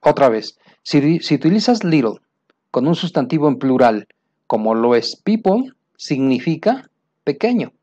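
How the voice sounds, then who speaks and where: A man's voice: a little high, darkish tone. A male English teacher, patiently explaining grammar mistakes and checking often that the learner follows. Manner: patient, checks understanding with frequent "¿sí?" and "mira". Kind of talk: explaining English grammar errors to Spanish speakers. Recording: dull lo-fi sound.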